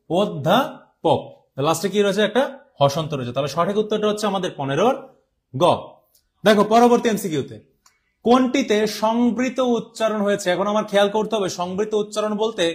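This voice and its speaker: A young man from Bangladesh teaching an online exam-prep class, explaining step by step and quizzing his students as he goes. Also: high-pitched. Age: young adult. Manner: repeats and drawls words to show how they are said.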